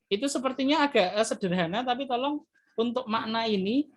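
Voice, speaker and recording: A man's voice: extremely high pitch, fairly quick. A male teacher reviewing for an exam, explaining loosely and hesitantly with frequent filler tags and addressing his students as children. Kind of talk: classroom exam review lesson.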